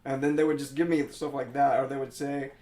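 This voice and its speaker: A man's voice: mid-range voice, little pitch movement, a little fast, mellow. A man, chatting casually as an interview guest and rephrasing as he explains things. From Mississippi, United States. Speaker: drag queen guest being interviewed. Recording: echoey room sound.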